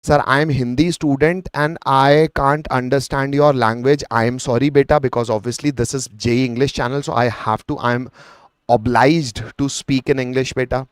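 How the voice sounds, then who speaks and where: A man's voice: mid-range voice, fairly even intonation, moderate pace, smooth, no room sound. A man with an Indian accent teaching chemistry in a live online exam lesson, explaining conversationally, addressing students as beta and mixing some Hindi into his English.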